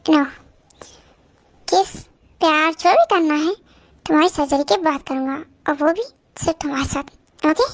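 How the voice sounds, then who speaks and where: A woman voicing a devoted young husband who fears for his wife, in a fan-made audio drama. She speaks earnestly and dips her voice a little lower for him. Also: normal speed, pauses often. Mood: firm, loving.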